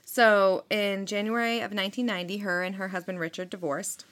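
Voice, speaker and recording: A woman's voice: mid-range voice, little pitch movement, normal speed, a bit bright. A woman hosting a podcast, telling a true-crime story in a casual, chatty way, with many fillers. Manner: chatty, filler-heavy, frequent "like" and "um". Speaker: podcast host.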